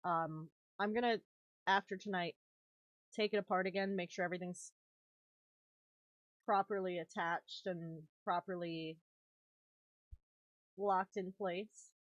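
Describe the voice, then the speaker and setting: Chatty, low-voiced woman streamer. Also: steady tone, takes it slowly, long pauses, no room sound, muffled recording. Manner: chatty, swears casually, laughs often. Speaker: craft streamer. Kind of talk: casual live-stream chat while crafting. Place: home craft room.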